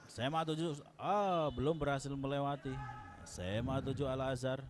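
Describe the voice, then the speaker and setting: A man's voice: medium pitch, moderate pace. A man with an Indonesian accent doing live play-by-play futsal commentary, playfully teasing the players by name.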